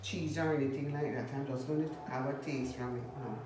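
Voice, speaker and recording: A mother calmly tastes the food and gives her measured opinion. She speaks from well off the mic, so her voice sounds distant. Strong room echo surrounds her over a faint background hiss. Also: a bass voice. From Jamaica. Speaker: vlogger's mother, taste tester. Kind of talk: casual family chat. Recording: far from mic in echoey room.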